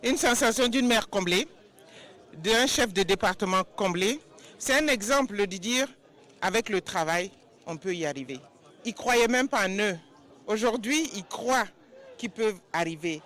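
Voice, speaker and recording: A man's voice: sits high, expressive, a little slow, bright, forceful tone. A man giving an emphatic interview statement.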